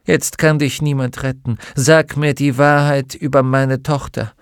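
An icy, fanatical woman questions her captive in a commanding tone, as a man voices her. The delivery is slow and deliberate, with a gravelly edge. The sound is close and dry. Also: medium pitch, level tone, dry recording, pitched above the performer's own voice, natural voice. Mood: menacing. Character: cold, cruel woman interrogator, fanatical.

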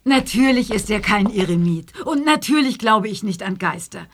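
A woman's voice: medium pitch, lively intonation, moderate pace, a little hiss or hum, close to an everyday voice. A woman acting a frank female character in a German audio drama. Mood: matter-of-fact.

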